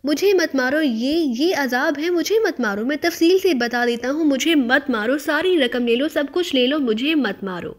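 A woman voicing a terrified male smuggler who pleads in a halting, panicked way. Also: high-pitched, lightly acted. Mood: fearful pleading.

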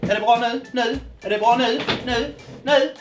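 A man's voice: extremely high pitch, background noise. A young man chatting casually on his vlog, joking and swearing, dropping in English phrases. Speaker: YouTuber.

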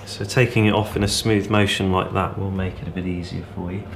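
A man in his thirties with a lowish voice talks through a hands-on craft task, relaxed and practical, as if chatting while he works. He is recorded in an echoey workshop with a steady layer of background noise. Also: a little fast, gravelly. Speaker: bushcraft channel host. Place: cluttered indoor workshop.

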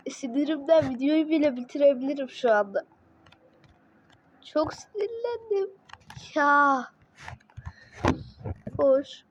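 High-pitched, excitable woman gaming host. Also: lo-fi sound, slight background noise. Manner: excitable, exclaiming at each move, frustrated. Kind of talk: let's play commentary.

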